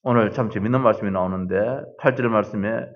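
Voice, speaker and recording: A middle-aged male pastor preaching a sermon, animated and full of rhetorical questions. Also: on the low side, fast talker, narrow, tinny audio.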